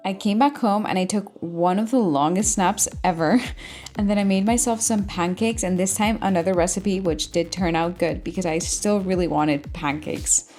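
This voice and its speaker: A woman's voice: fairly low pitch, moderate pace, a little mellow, soft background music. A young woman talking casually and informally about her days in a chatty, self-deprecating vlog style. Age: young adult. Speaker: vlogger. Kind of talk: casual vlog narration and chat.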